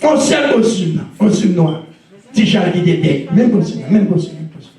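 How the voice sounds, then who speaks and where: A male pastor with a Haitian accent preaching a sermon with call-and-response and frequent shouts. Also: high-pitched, a little fast. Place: church sanctuary. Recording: echoey church recorded from a distance.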